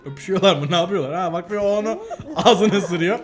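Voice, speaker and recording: A man's voice: sits high, fast talker, faint music behind. A young man casually reacting to animal videos for his channel, giggling often and gushing over how cute they are.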